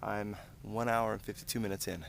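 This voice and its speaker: A man's voice: lowish voice, steady tone. American man vlogging mid-run outdoors. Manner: talking while out on a long run, with pauses and breaks for breath. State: tired from running. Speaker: running vlogger. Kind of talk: casual vlog chat to viewers. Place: outdoors on rural roads. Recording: clear outdoor ambient noise.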